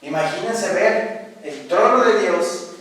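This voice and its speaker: A man's voice: high voice, lively intonation, slow pace, a bit bright. A man preaching a sermon as a pastor, telling the story dramatically with rhetorical questions and sound effects. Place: church. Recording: very echoey room, voice far from the mic.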